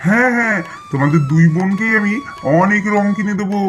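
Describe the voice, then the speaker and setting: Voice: medium pitch, a little fast, over music, natural voice. A performer voicing a doting uncle who cheerfully coaxes his niece in a cartoon. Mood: coaxing. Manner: cheerful, coaxing.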